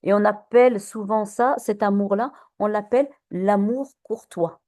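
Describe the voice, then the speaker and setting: A woman teacher leads a poetry lesson in a classroom, her voice mellow and warm. She talks patiently, keeps quizzing her students and fills pauses with many hesitations and restarts, heard through a recorder in the room. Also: medium pitch, steady tone.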